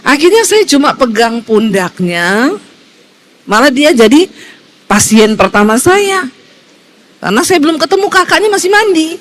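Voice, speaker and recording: High-voiced woman pastor preaching animatedly. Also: moderate pace, pauses often. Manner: lively storytelling that swings between high exclaims and low, quiet asides. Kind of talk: sermon.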